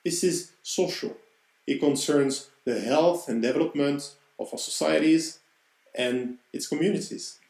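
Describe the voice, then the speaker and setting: A man's voice: on the high side, a little slow, gravelly, darkish tone, reverberant, low-quality recording. A man with a French accent, hosting a podcast and telling a personal story in an earnest, reflective way. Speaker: podcast host.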